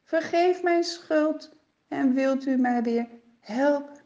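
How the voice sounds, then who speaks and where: A woman's voice: sits high, takes it slowly, mellow, lo-fi sound. A woman voicing a lonely, despairing king who pleads plaintively for help in prayer. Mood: pleading.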